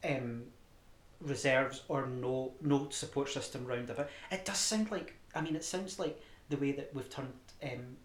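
A man co-hosts a podcast in loose, rambling chat. He swears, restarts his sentences and circles his point. His voice is mid-pitched and rings in a roomy space. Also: a little slow. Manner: rambling, profane, self-correcting. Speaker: podcast co-host. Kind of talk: casual chat. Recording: roomy echo.

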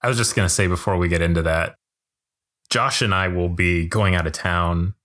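A man's voice: sits low, steady tone, normal speed, a bit bright. A man co-hosting a gaming podcast, chatting casually and joking around. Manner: joking, rambling. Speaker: podcast co-host. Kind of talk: casual chat.

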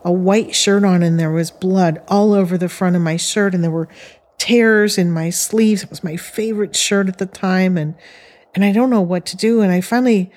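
A middle-aged woman from northern Arizona, a guest recounting a personal experience in an earnest, halting way with frequent restarts. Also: on the low side, steady tone, a little mellow. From northern Arizona, USA.

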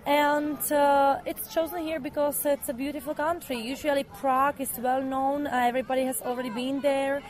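A woman's voice: high-pitched, level tone, moderate pace, hardly any pauses. A woman who speaks natively, a programme organizer, answering interview questions hesitantly. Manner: hesitant, frequent fillers.

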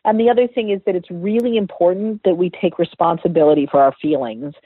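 A woman's voice: lowish voice, fast, husky, no room sound. A woman who is a social worker, a guest in a conversational interview, talking candidly with self-deprecating examples. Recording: tinny phone-line sound.

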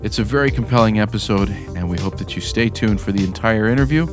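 Measured male podcast host. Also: fairly low pitch, over music. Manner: earnest, measured questioning with small restarts. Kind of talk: podcast interview, scripted intro then conversational questions.

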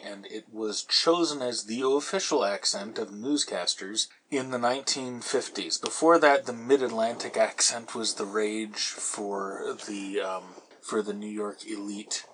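A man's voice: lowish voice, fairly bright tone, a little hiss or hum, low-quality recording. A man hosting a podcast who answers a listener's question in a casual, lecturing way, wandering into asides and stopping often for ums and repeated words. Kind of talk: casual explanatory talk.

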